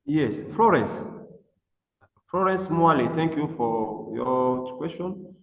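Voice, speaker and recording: A gravelly man speaks in a halting way, often restarting his sentences. His voice rings with a long echo that lingers around the room. The sound is muffled, as if it came through a video call. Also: mid-range voice, animated. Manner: halting, with many restarts and fillers. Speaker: psychiatrist and dermatologist, webinar speaker. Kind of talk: unscripted talk on a video call.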